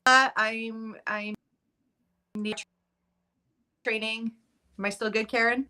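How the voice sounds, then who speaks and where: A woman's voice: fairly high pitch, little pitch movement, drawn-out words, pushed and bright, smooth. Woman on a video call, audio dropping out. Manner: asks again and again whether she can be heard. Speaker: dog trainer, guest. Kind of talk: live-stream interview.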